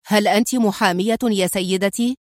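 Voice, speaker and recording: A man's voice: sits high, fairly even intonation, brisk, dry recording, studio quality, natural voice. A woman reading an irritable male police inspector. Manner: irritable, sharp, scolding. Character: angry chain-smoking male police inspector. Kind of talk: audiobook character reading.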